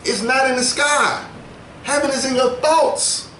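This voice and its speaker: A man co-hosting a podcast in casual chat, talking in an animated, preachy way and repeating words as he thinks. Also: extremely high pitch, unhurried, echoey room, a little hiss or hum, low-quality recording. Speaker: podcast co-host.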